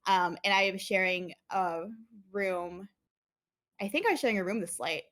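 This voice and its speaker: A woman's voice: medium pitch, moderate pace, fairly bright tone. A young woman from the United States, a guest in a casual interview, who talks in a chatty way with many fillers and frequent laughs.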